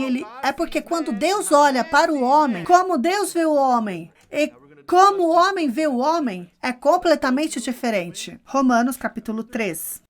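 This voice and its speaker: A woman with a high voice interprets a sermon. She keeps a steady pace and often restarts a phrase to correct her wording.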